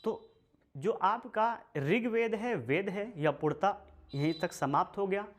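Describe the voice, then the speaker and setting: A man teaching a history lesson for exam preparation, repeating key phrases slowly and calling viewers his brothers and friends. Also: high voice, expressive. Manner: slow, repeats phrases for emphasis.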